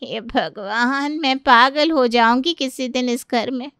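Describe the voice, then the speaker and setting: Cartoon mom-in-law, fussy and nagging, high sharp voice played by a woman. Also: unhurried, clean tone, no room sound, clean studio sound. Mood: exasperated. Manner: complaining, exasperated scolding. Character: fussy exasperated middle-aged mother-in-law. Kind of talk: cartoon voice acting.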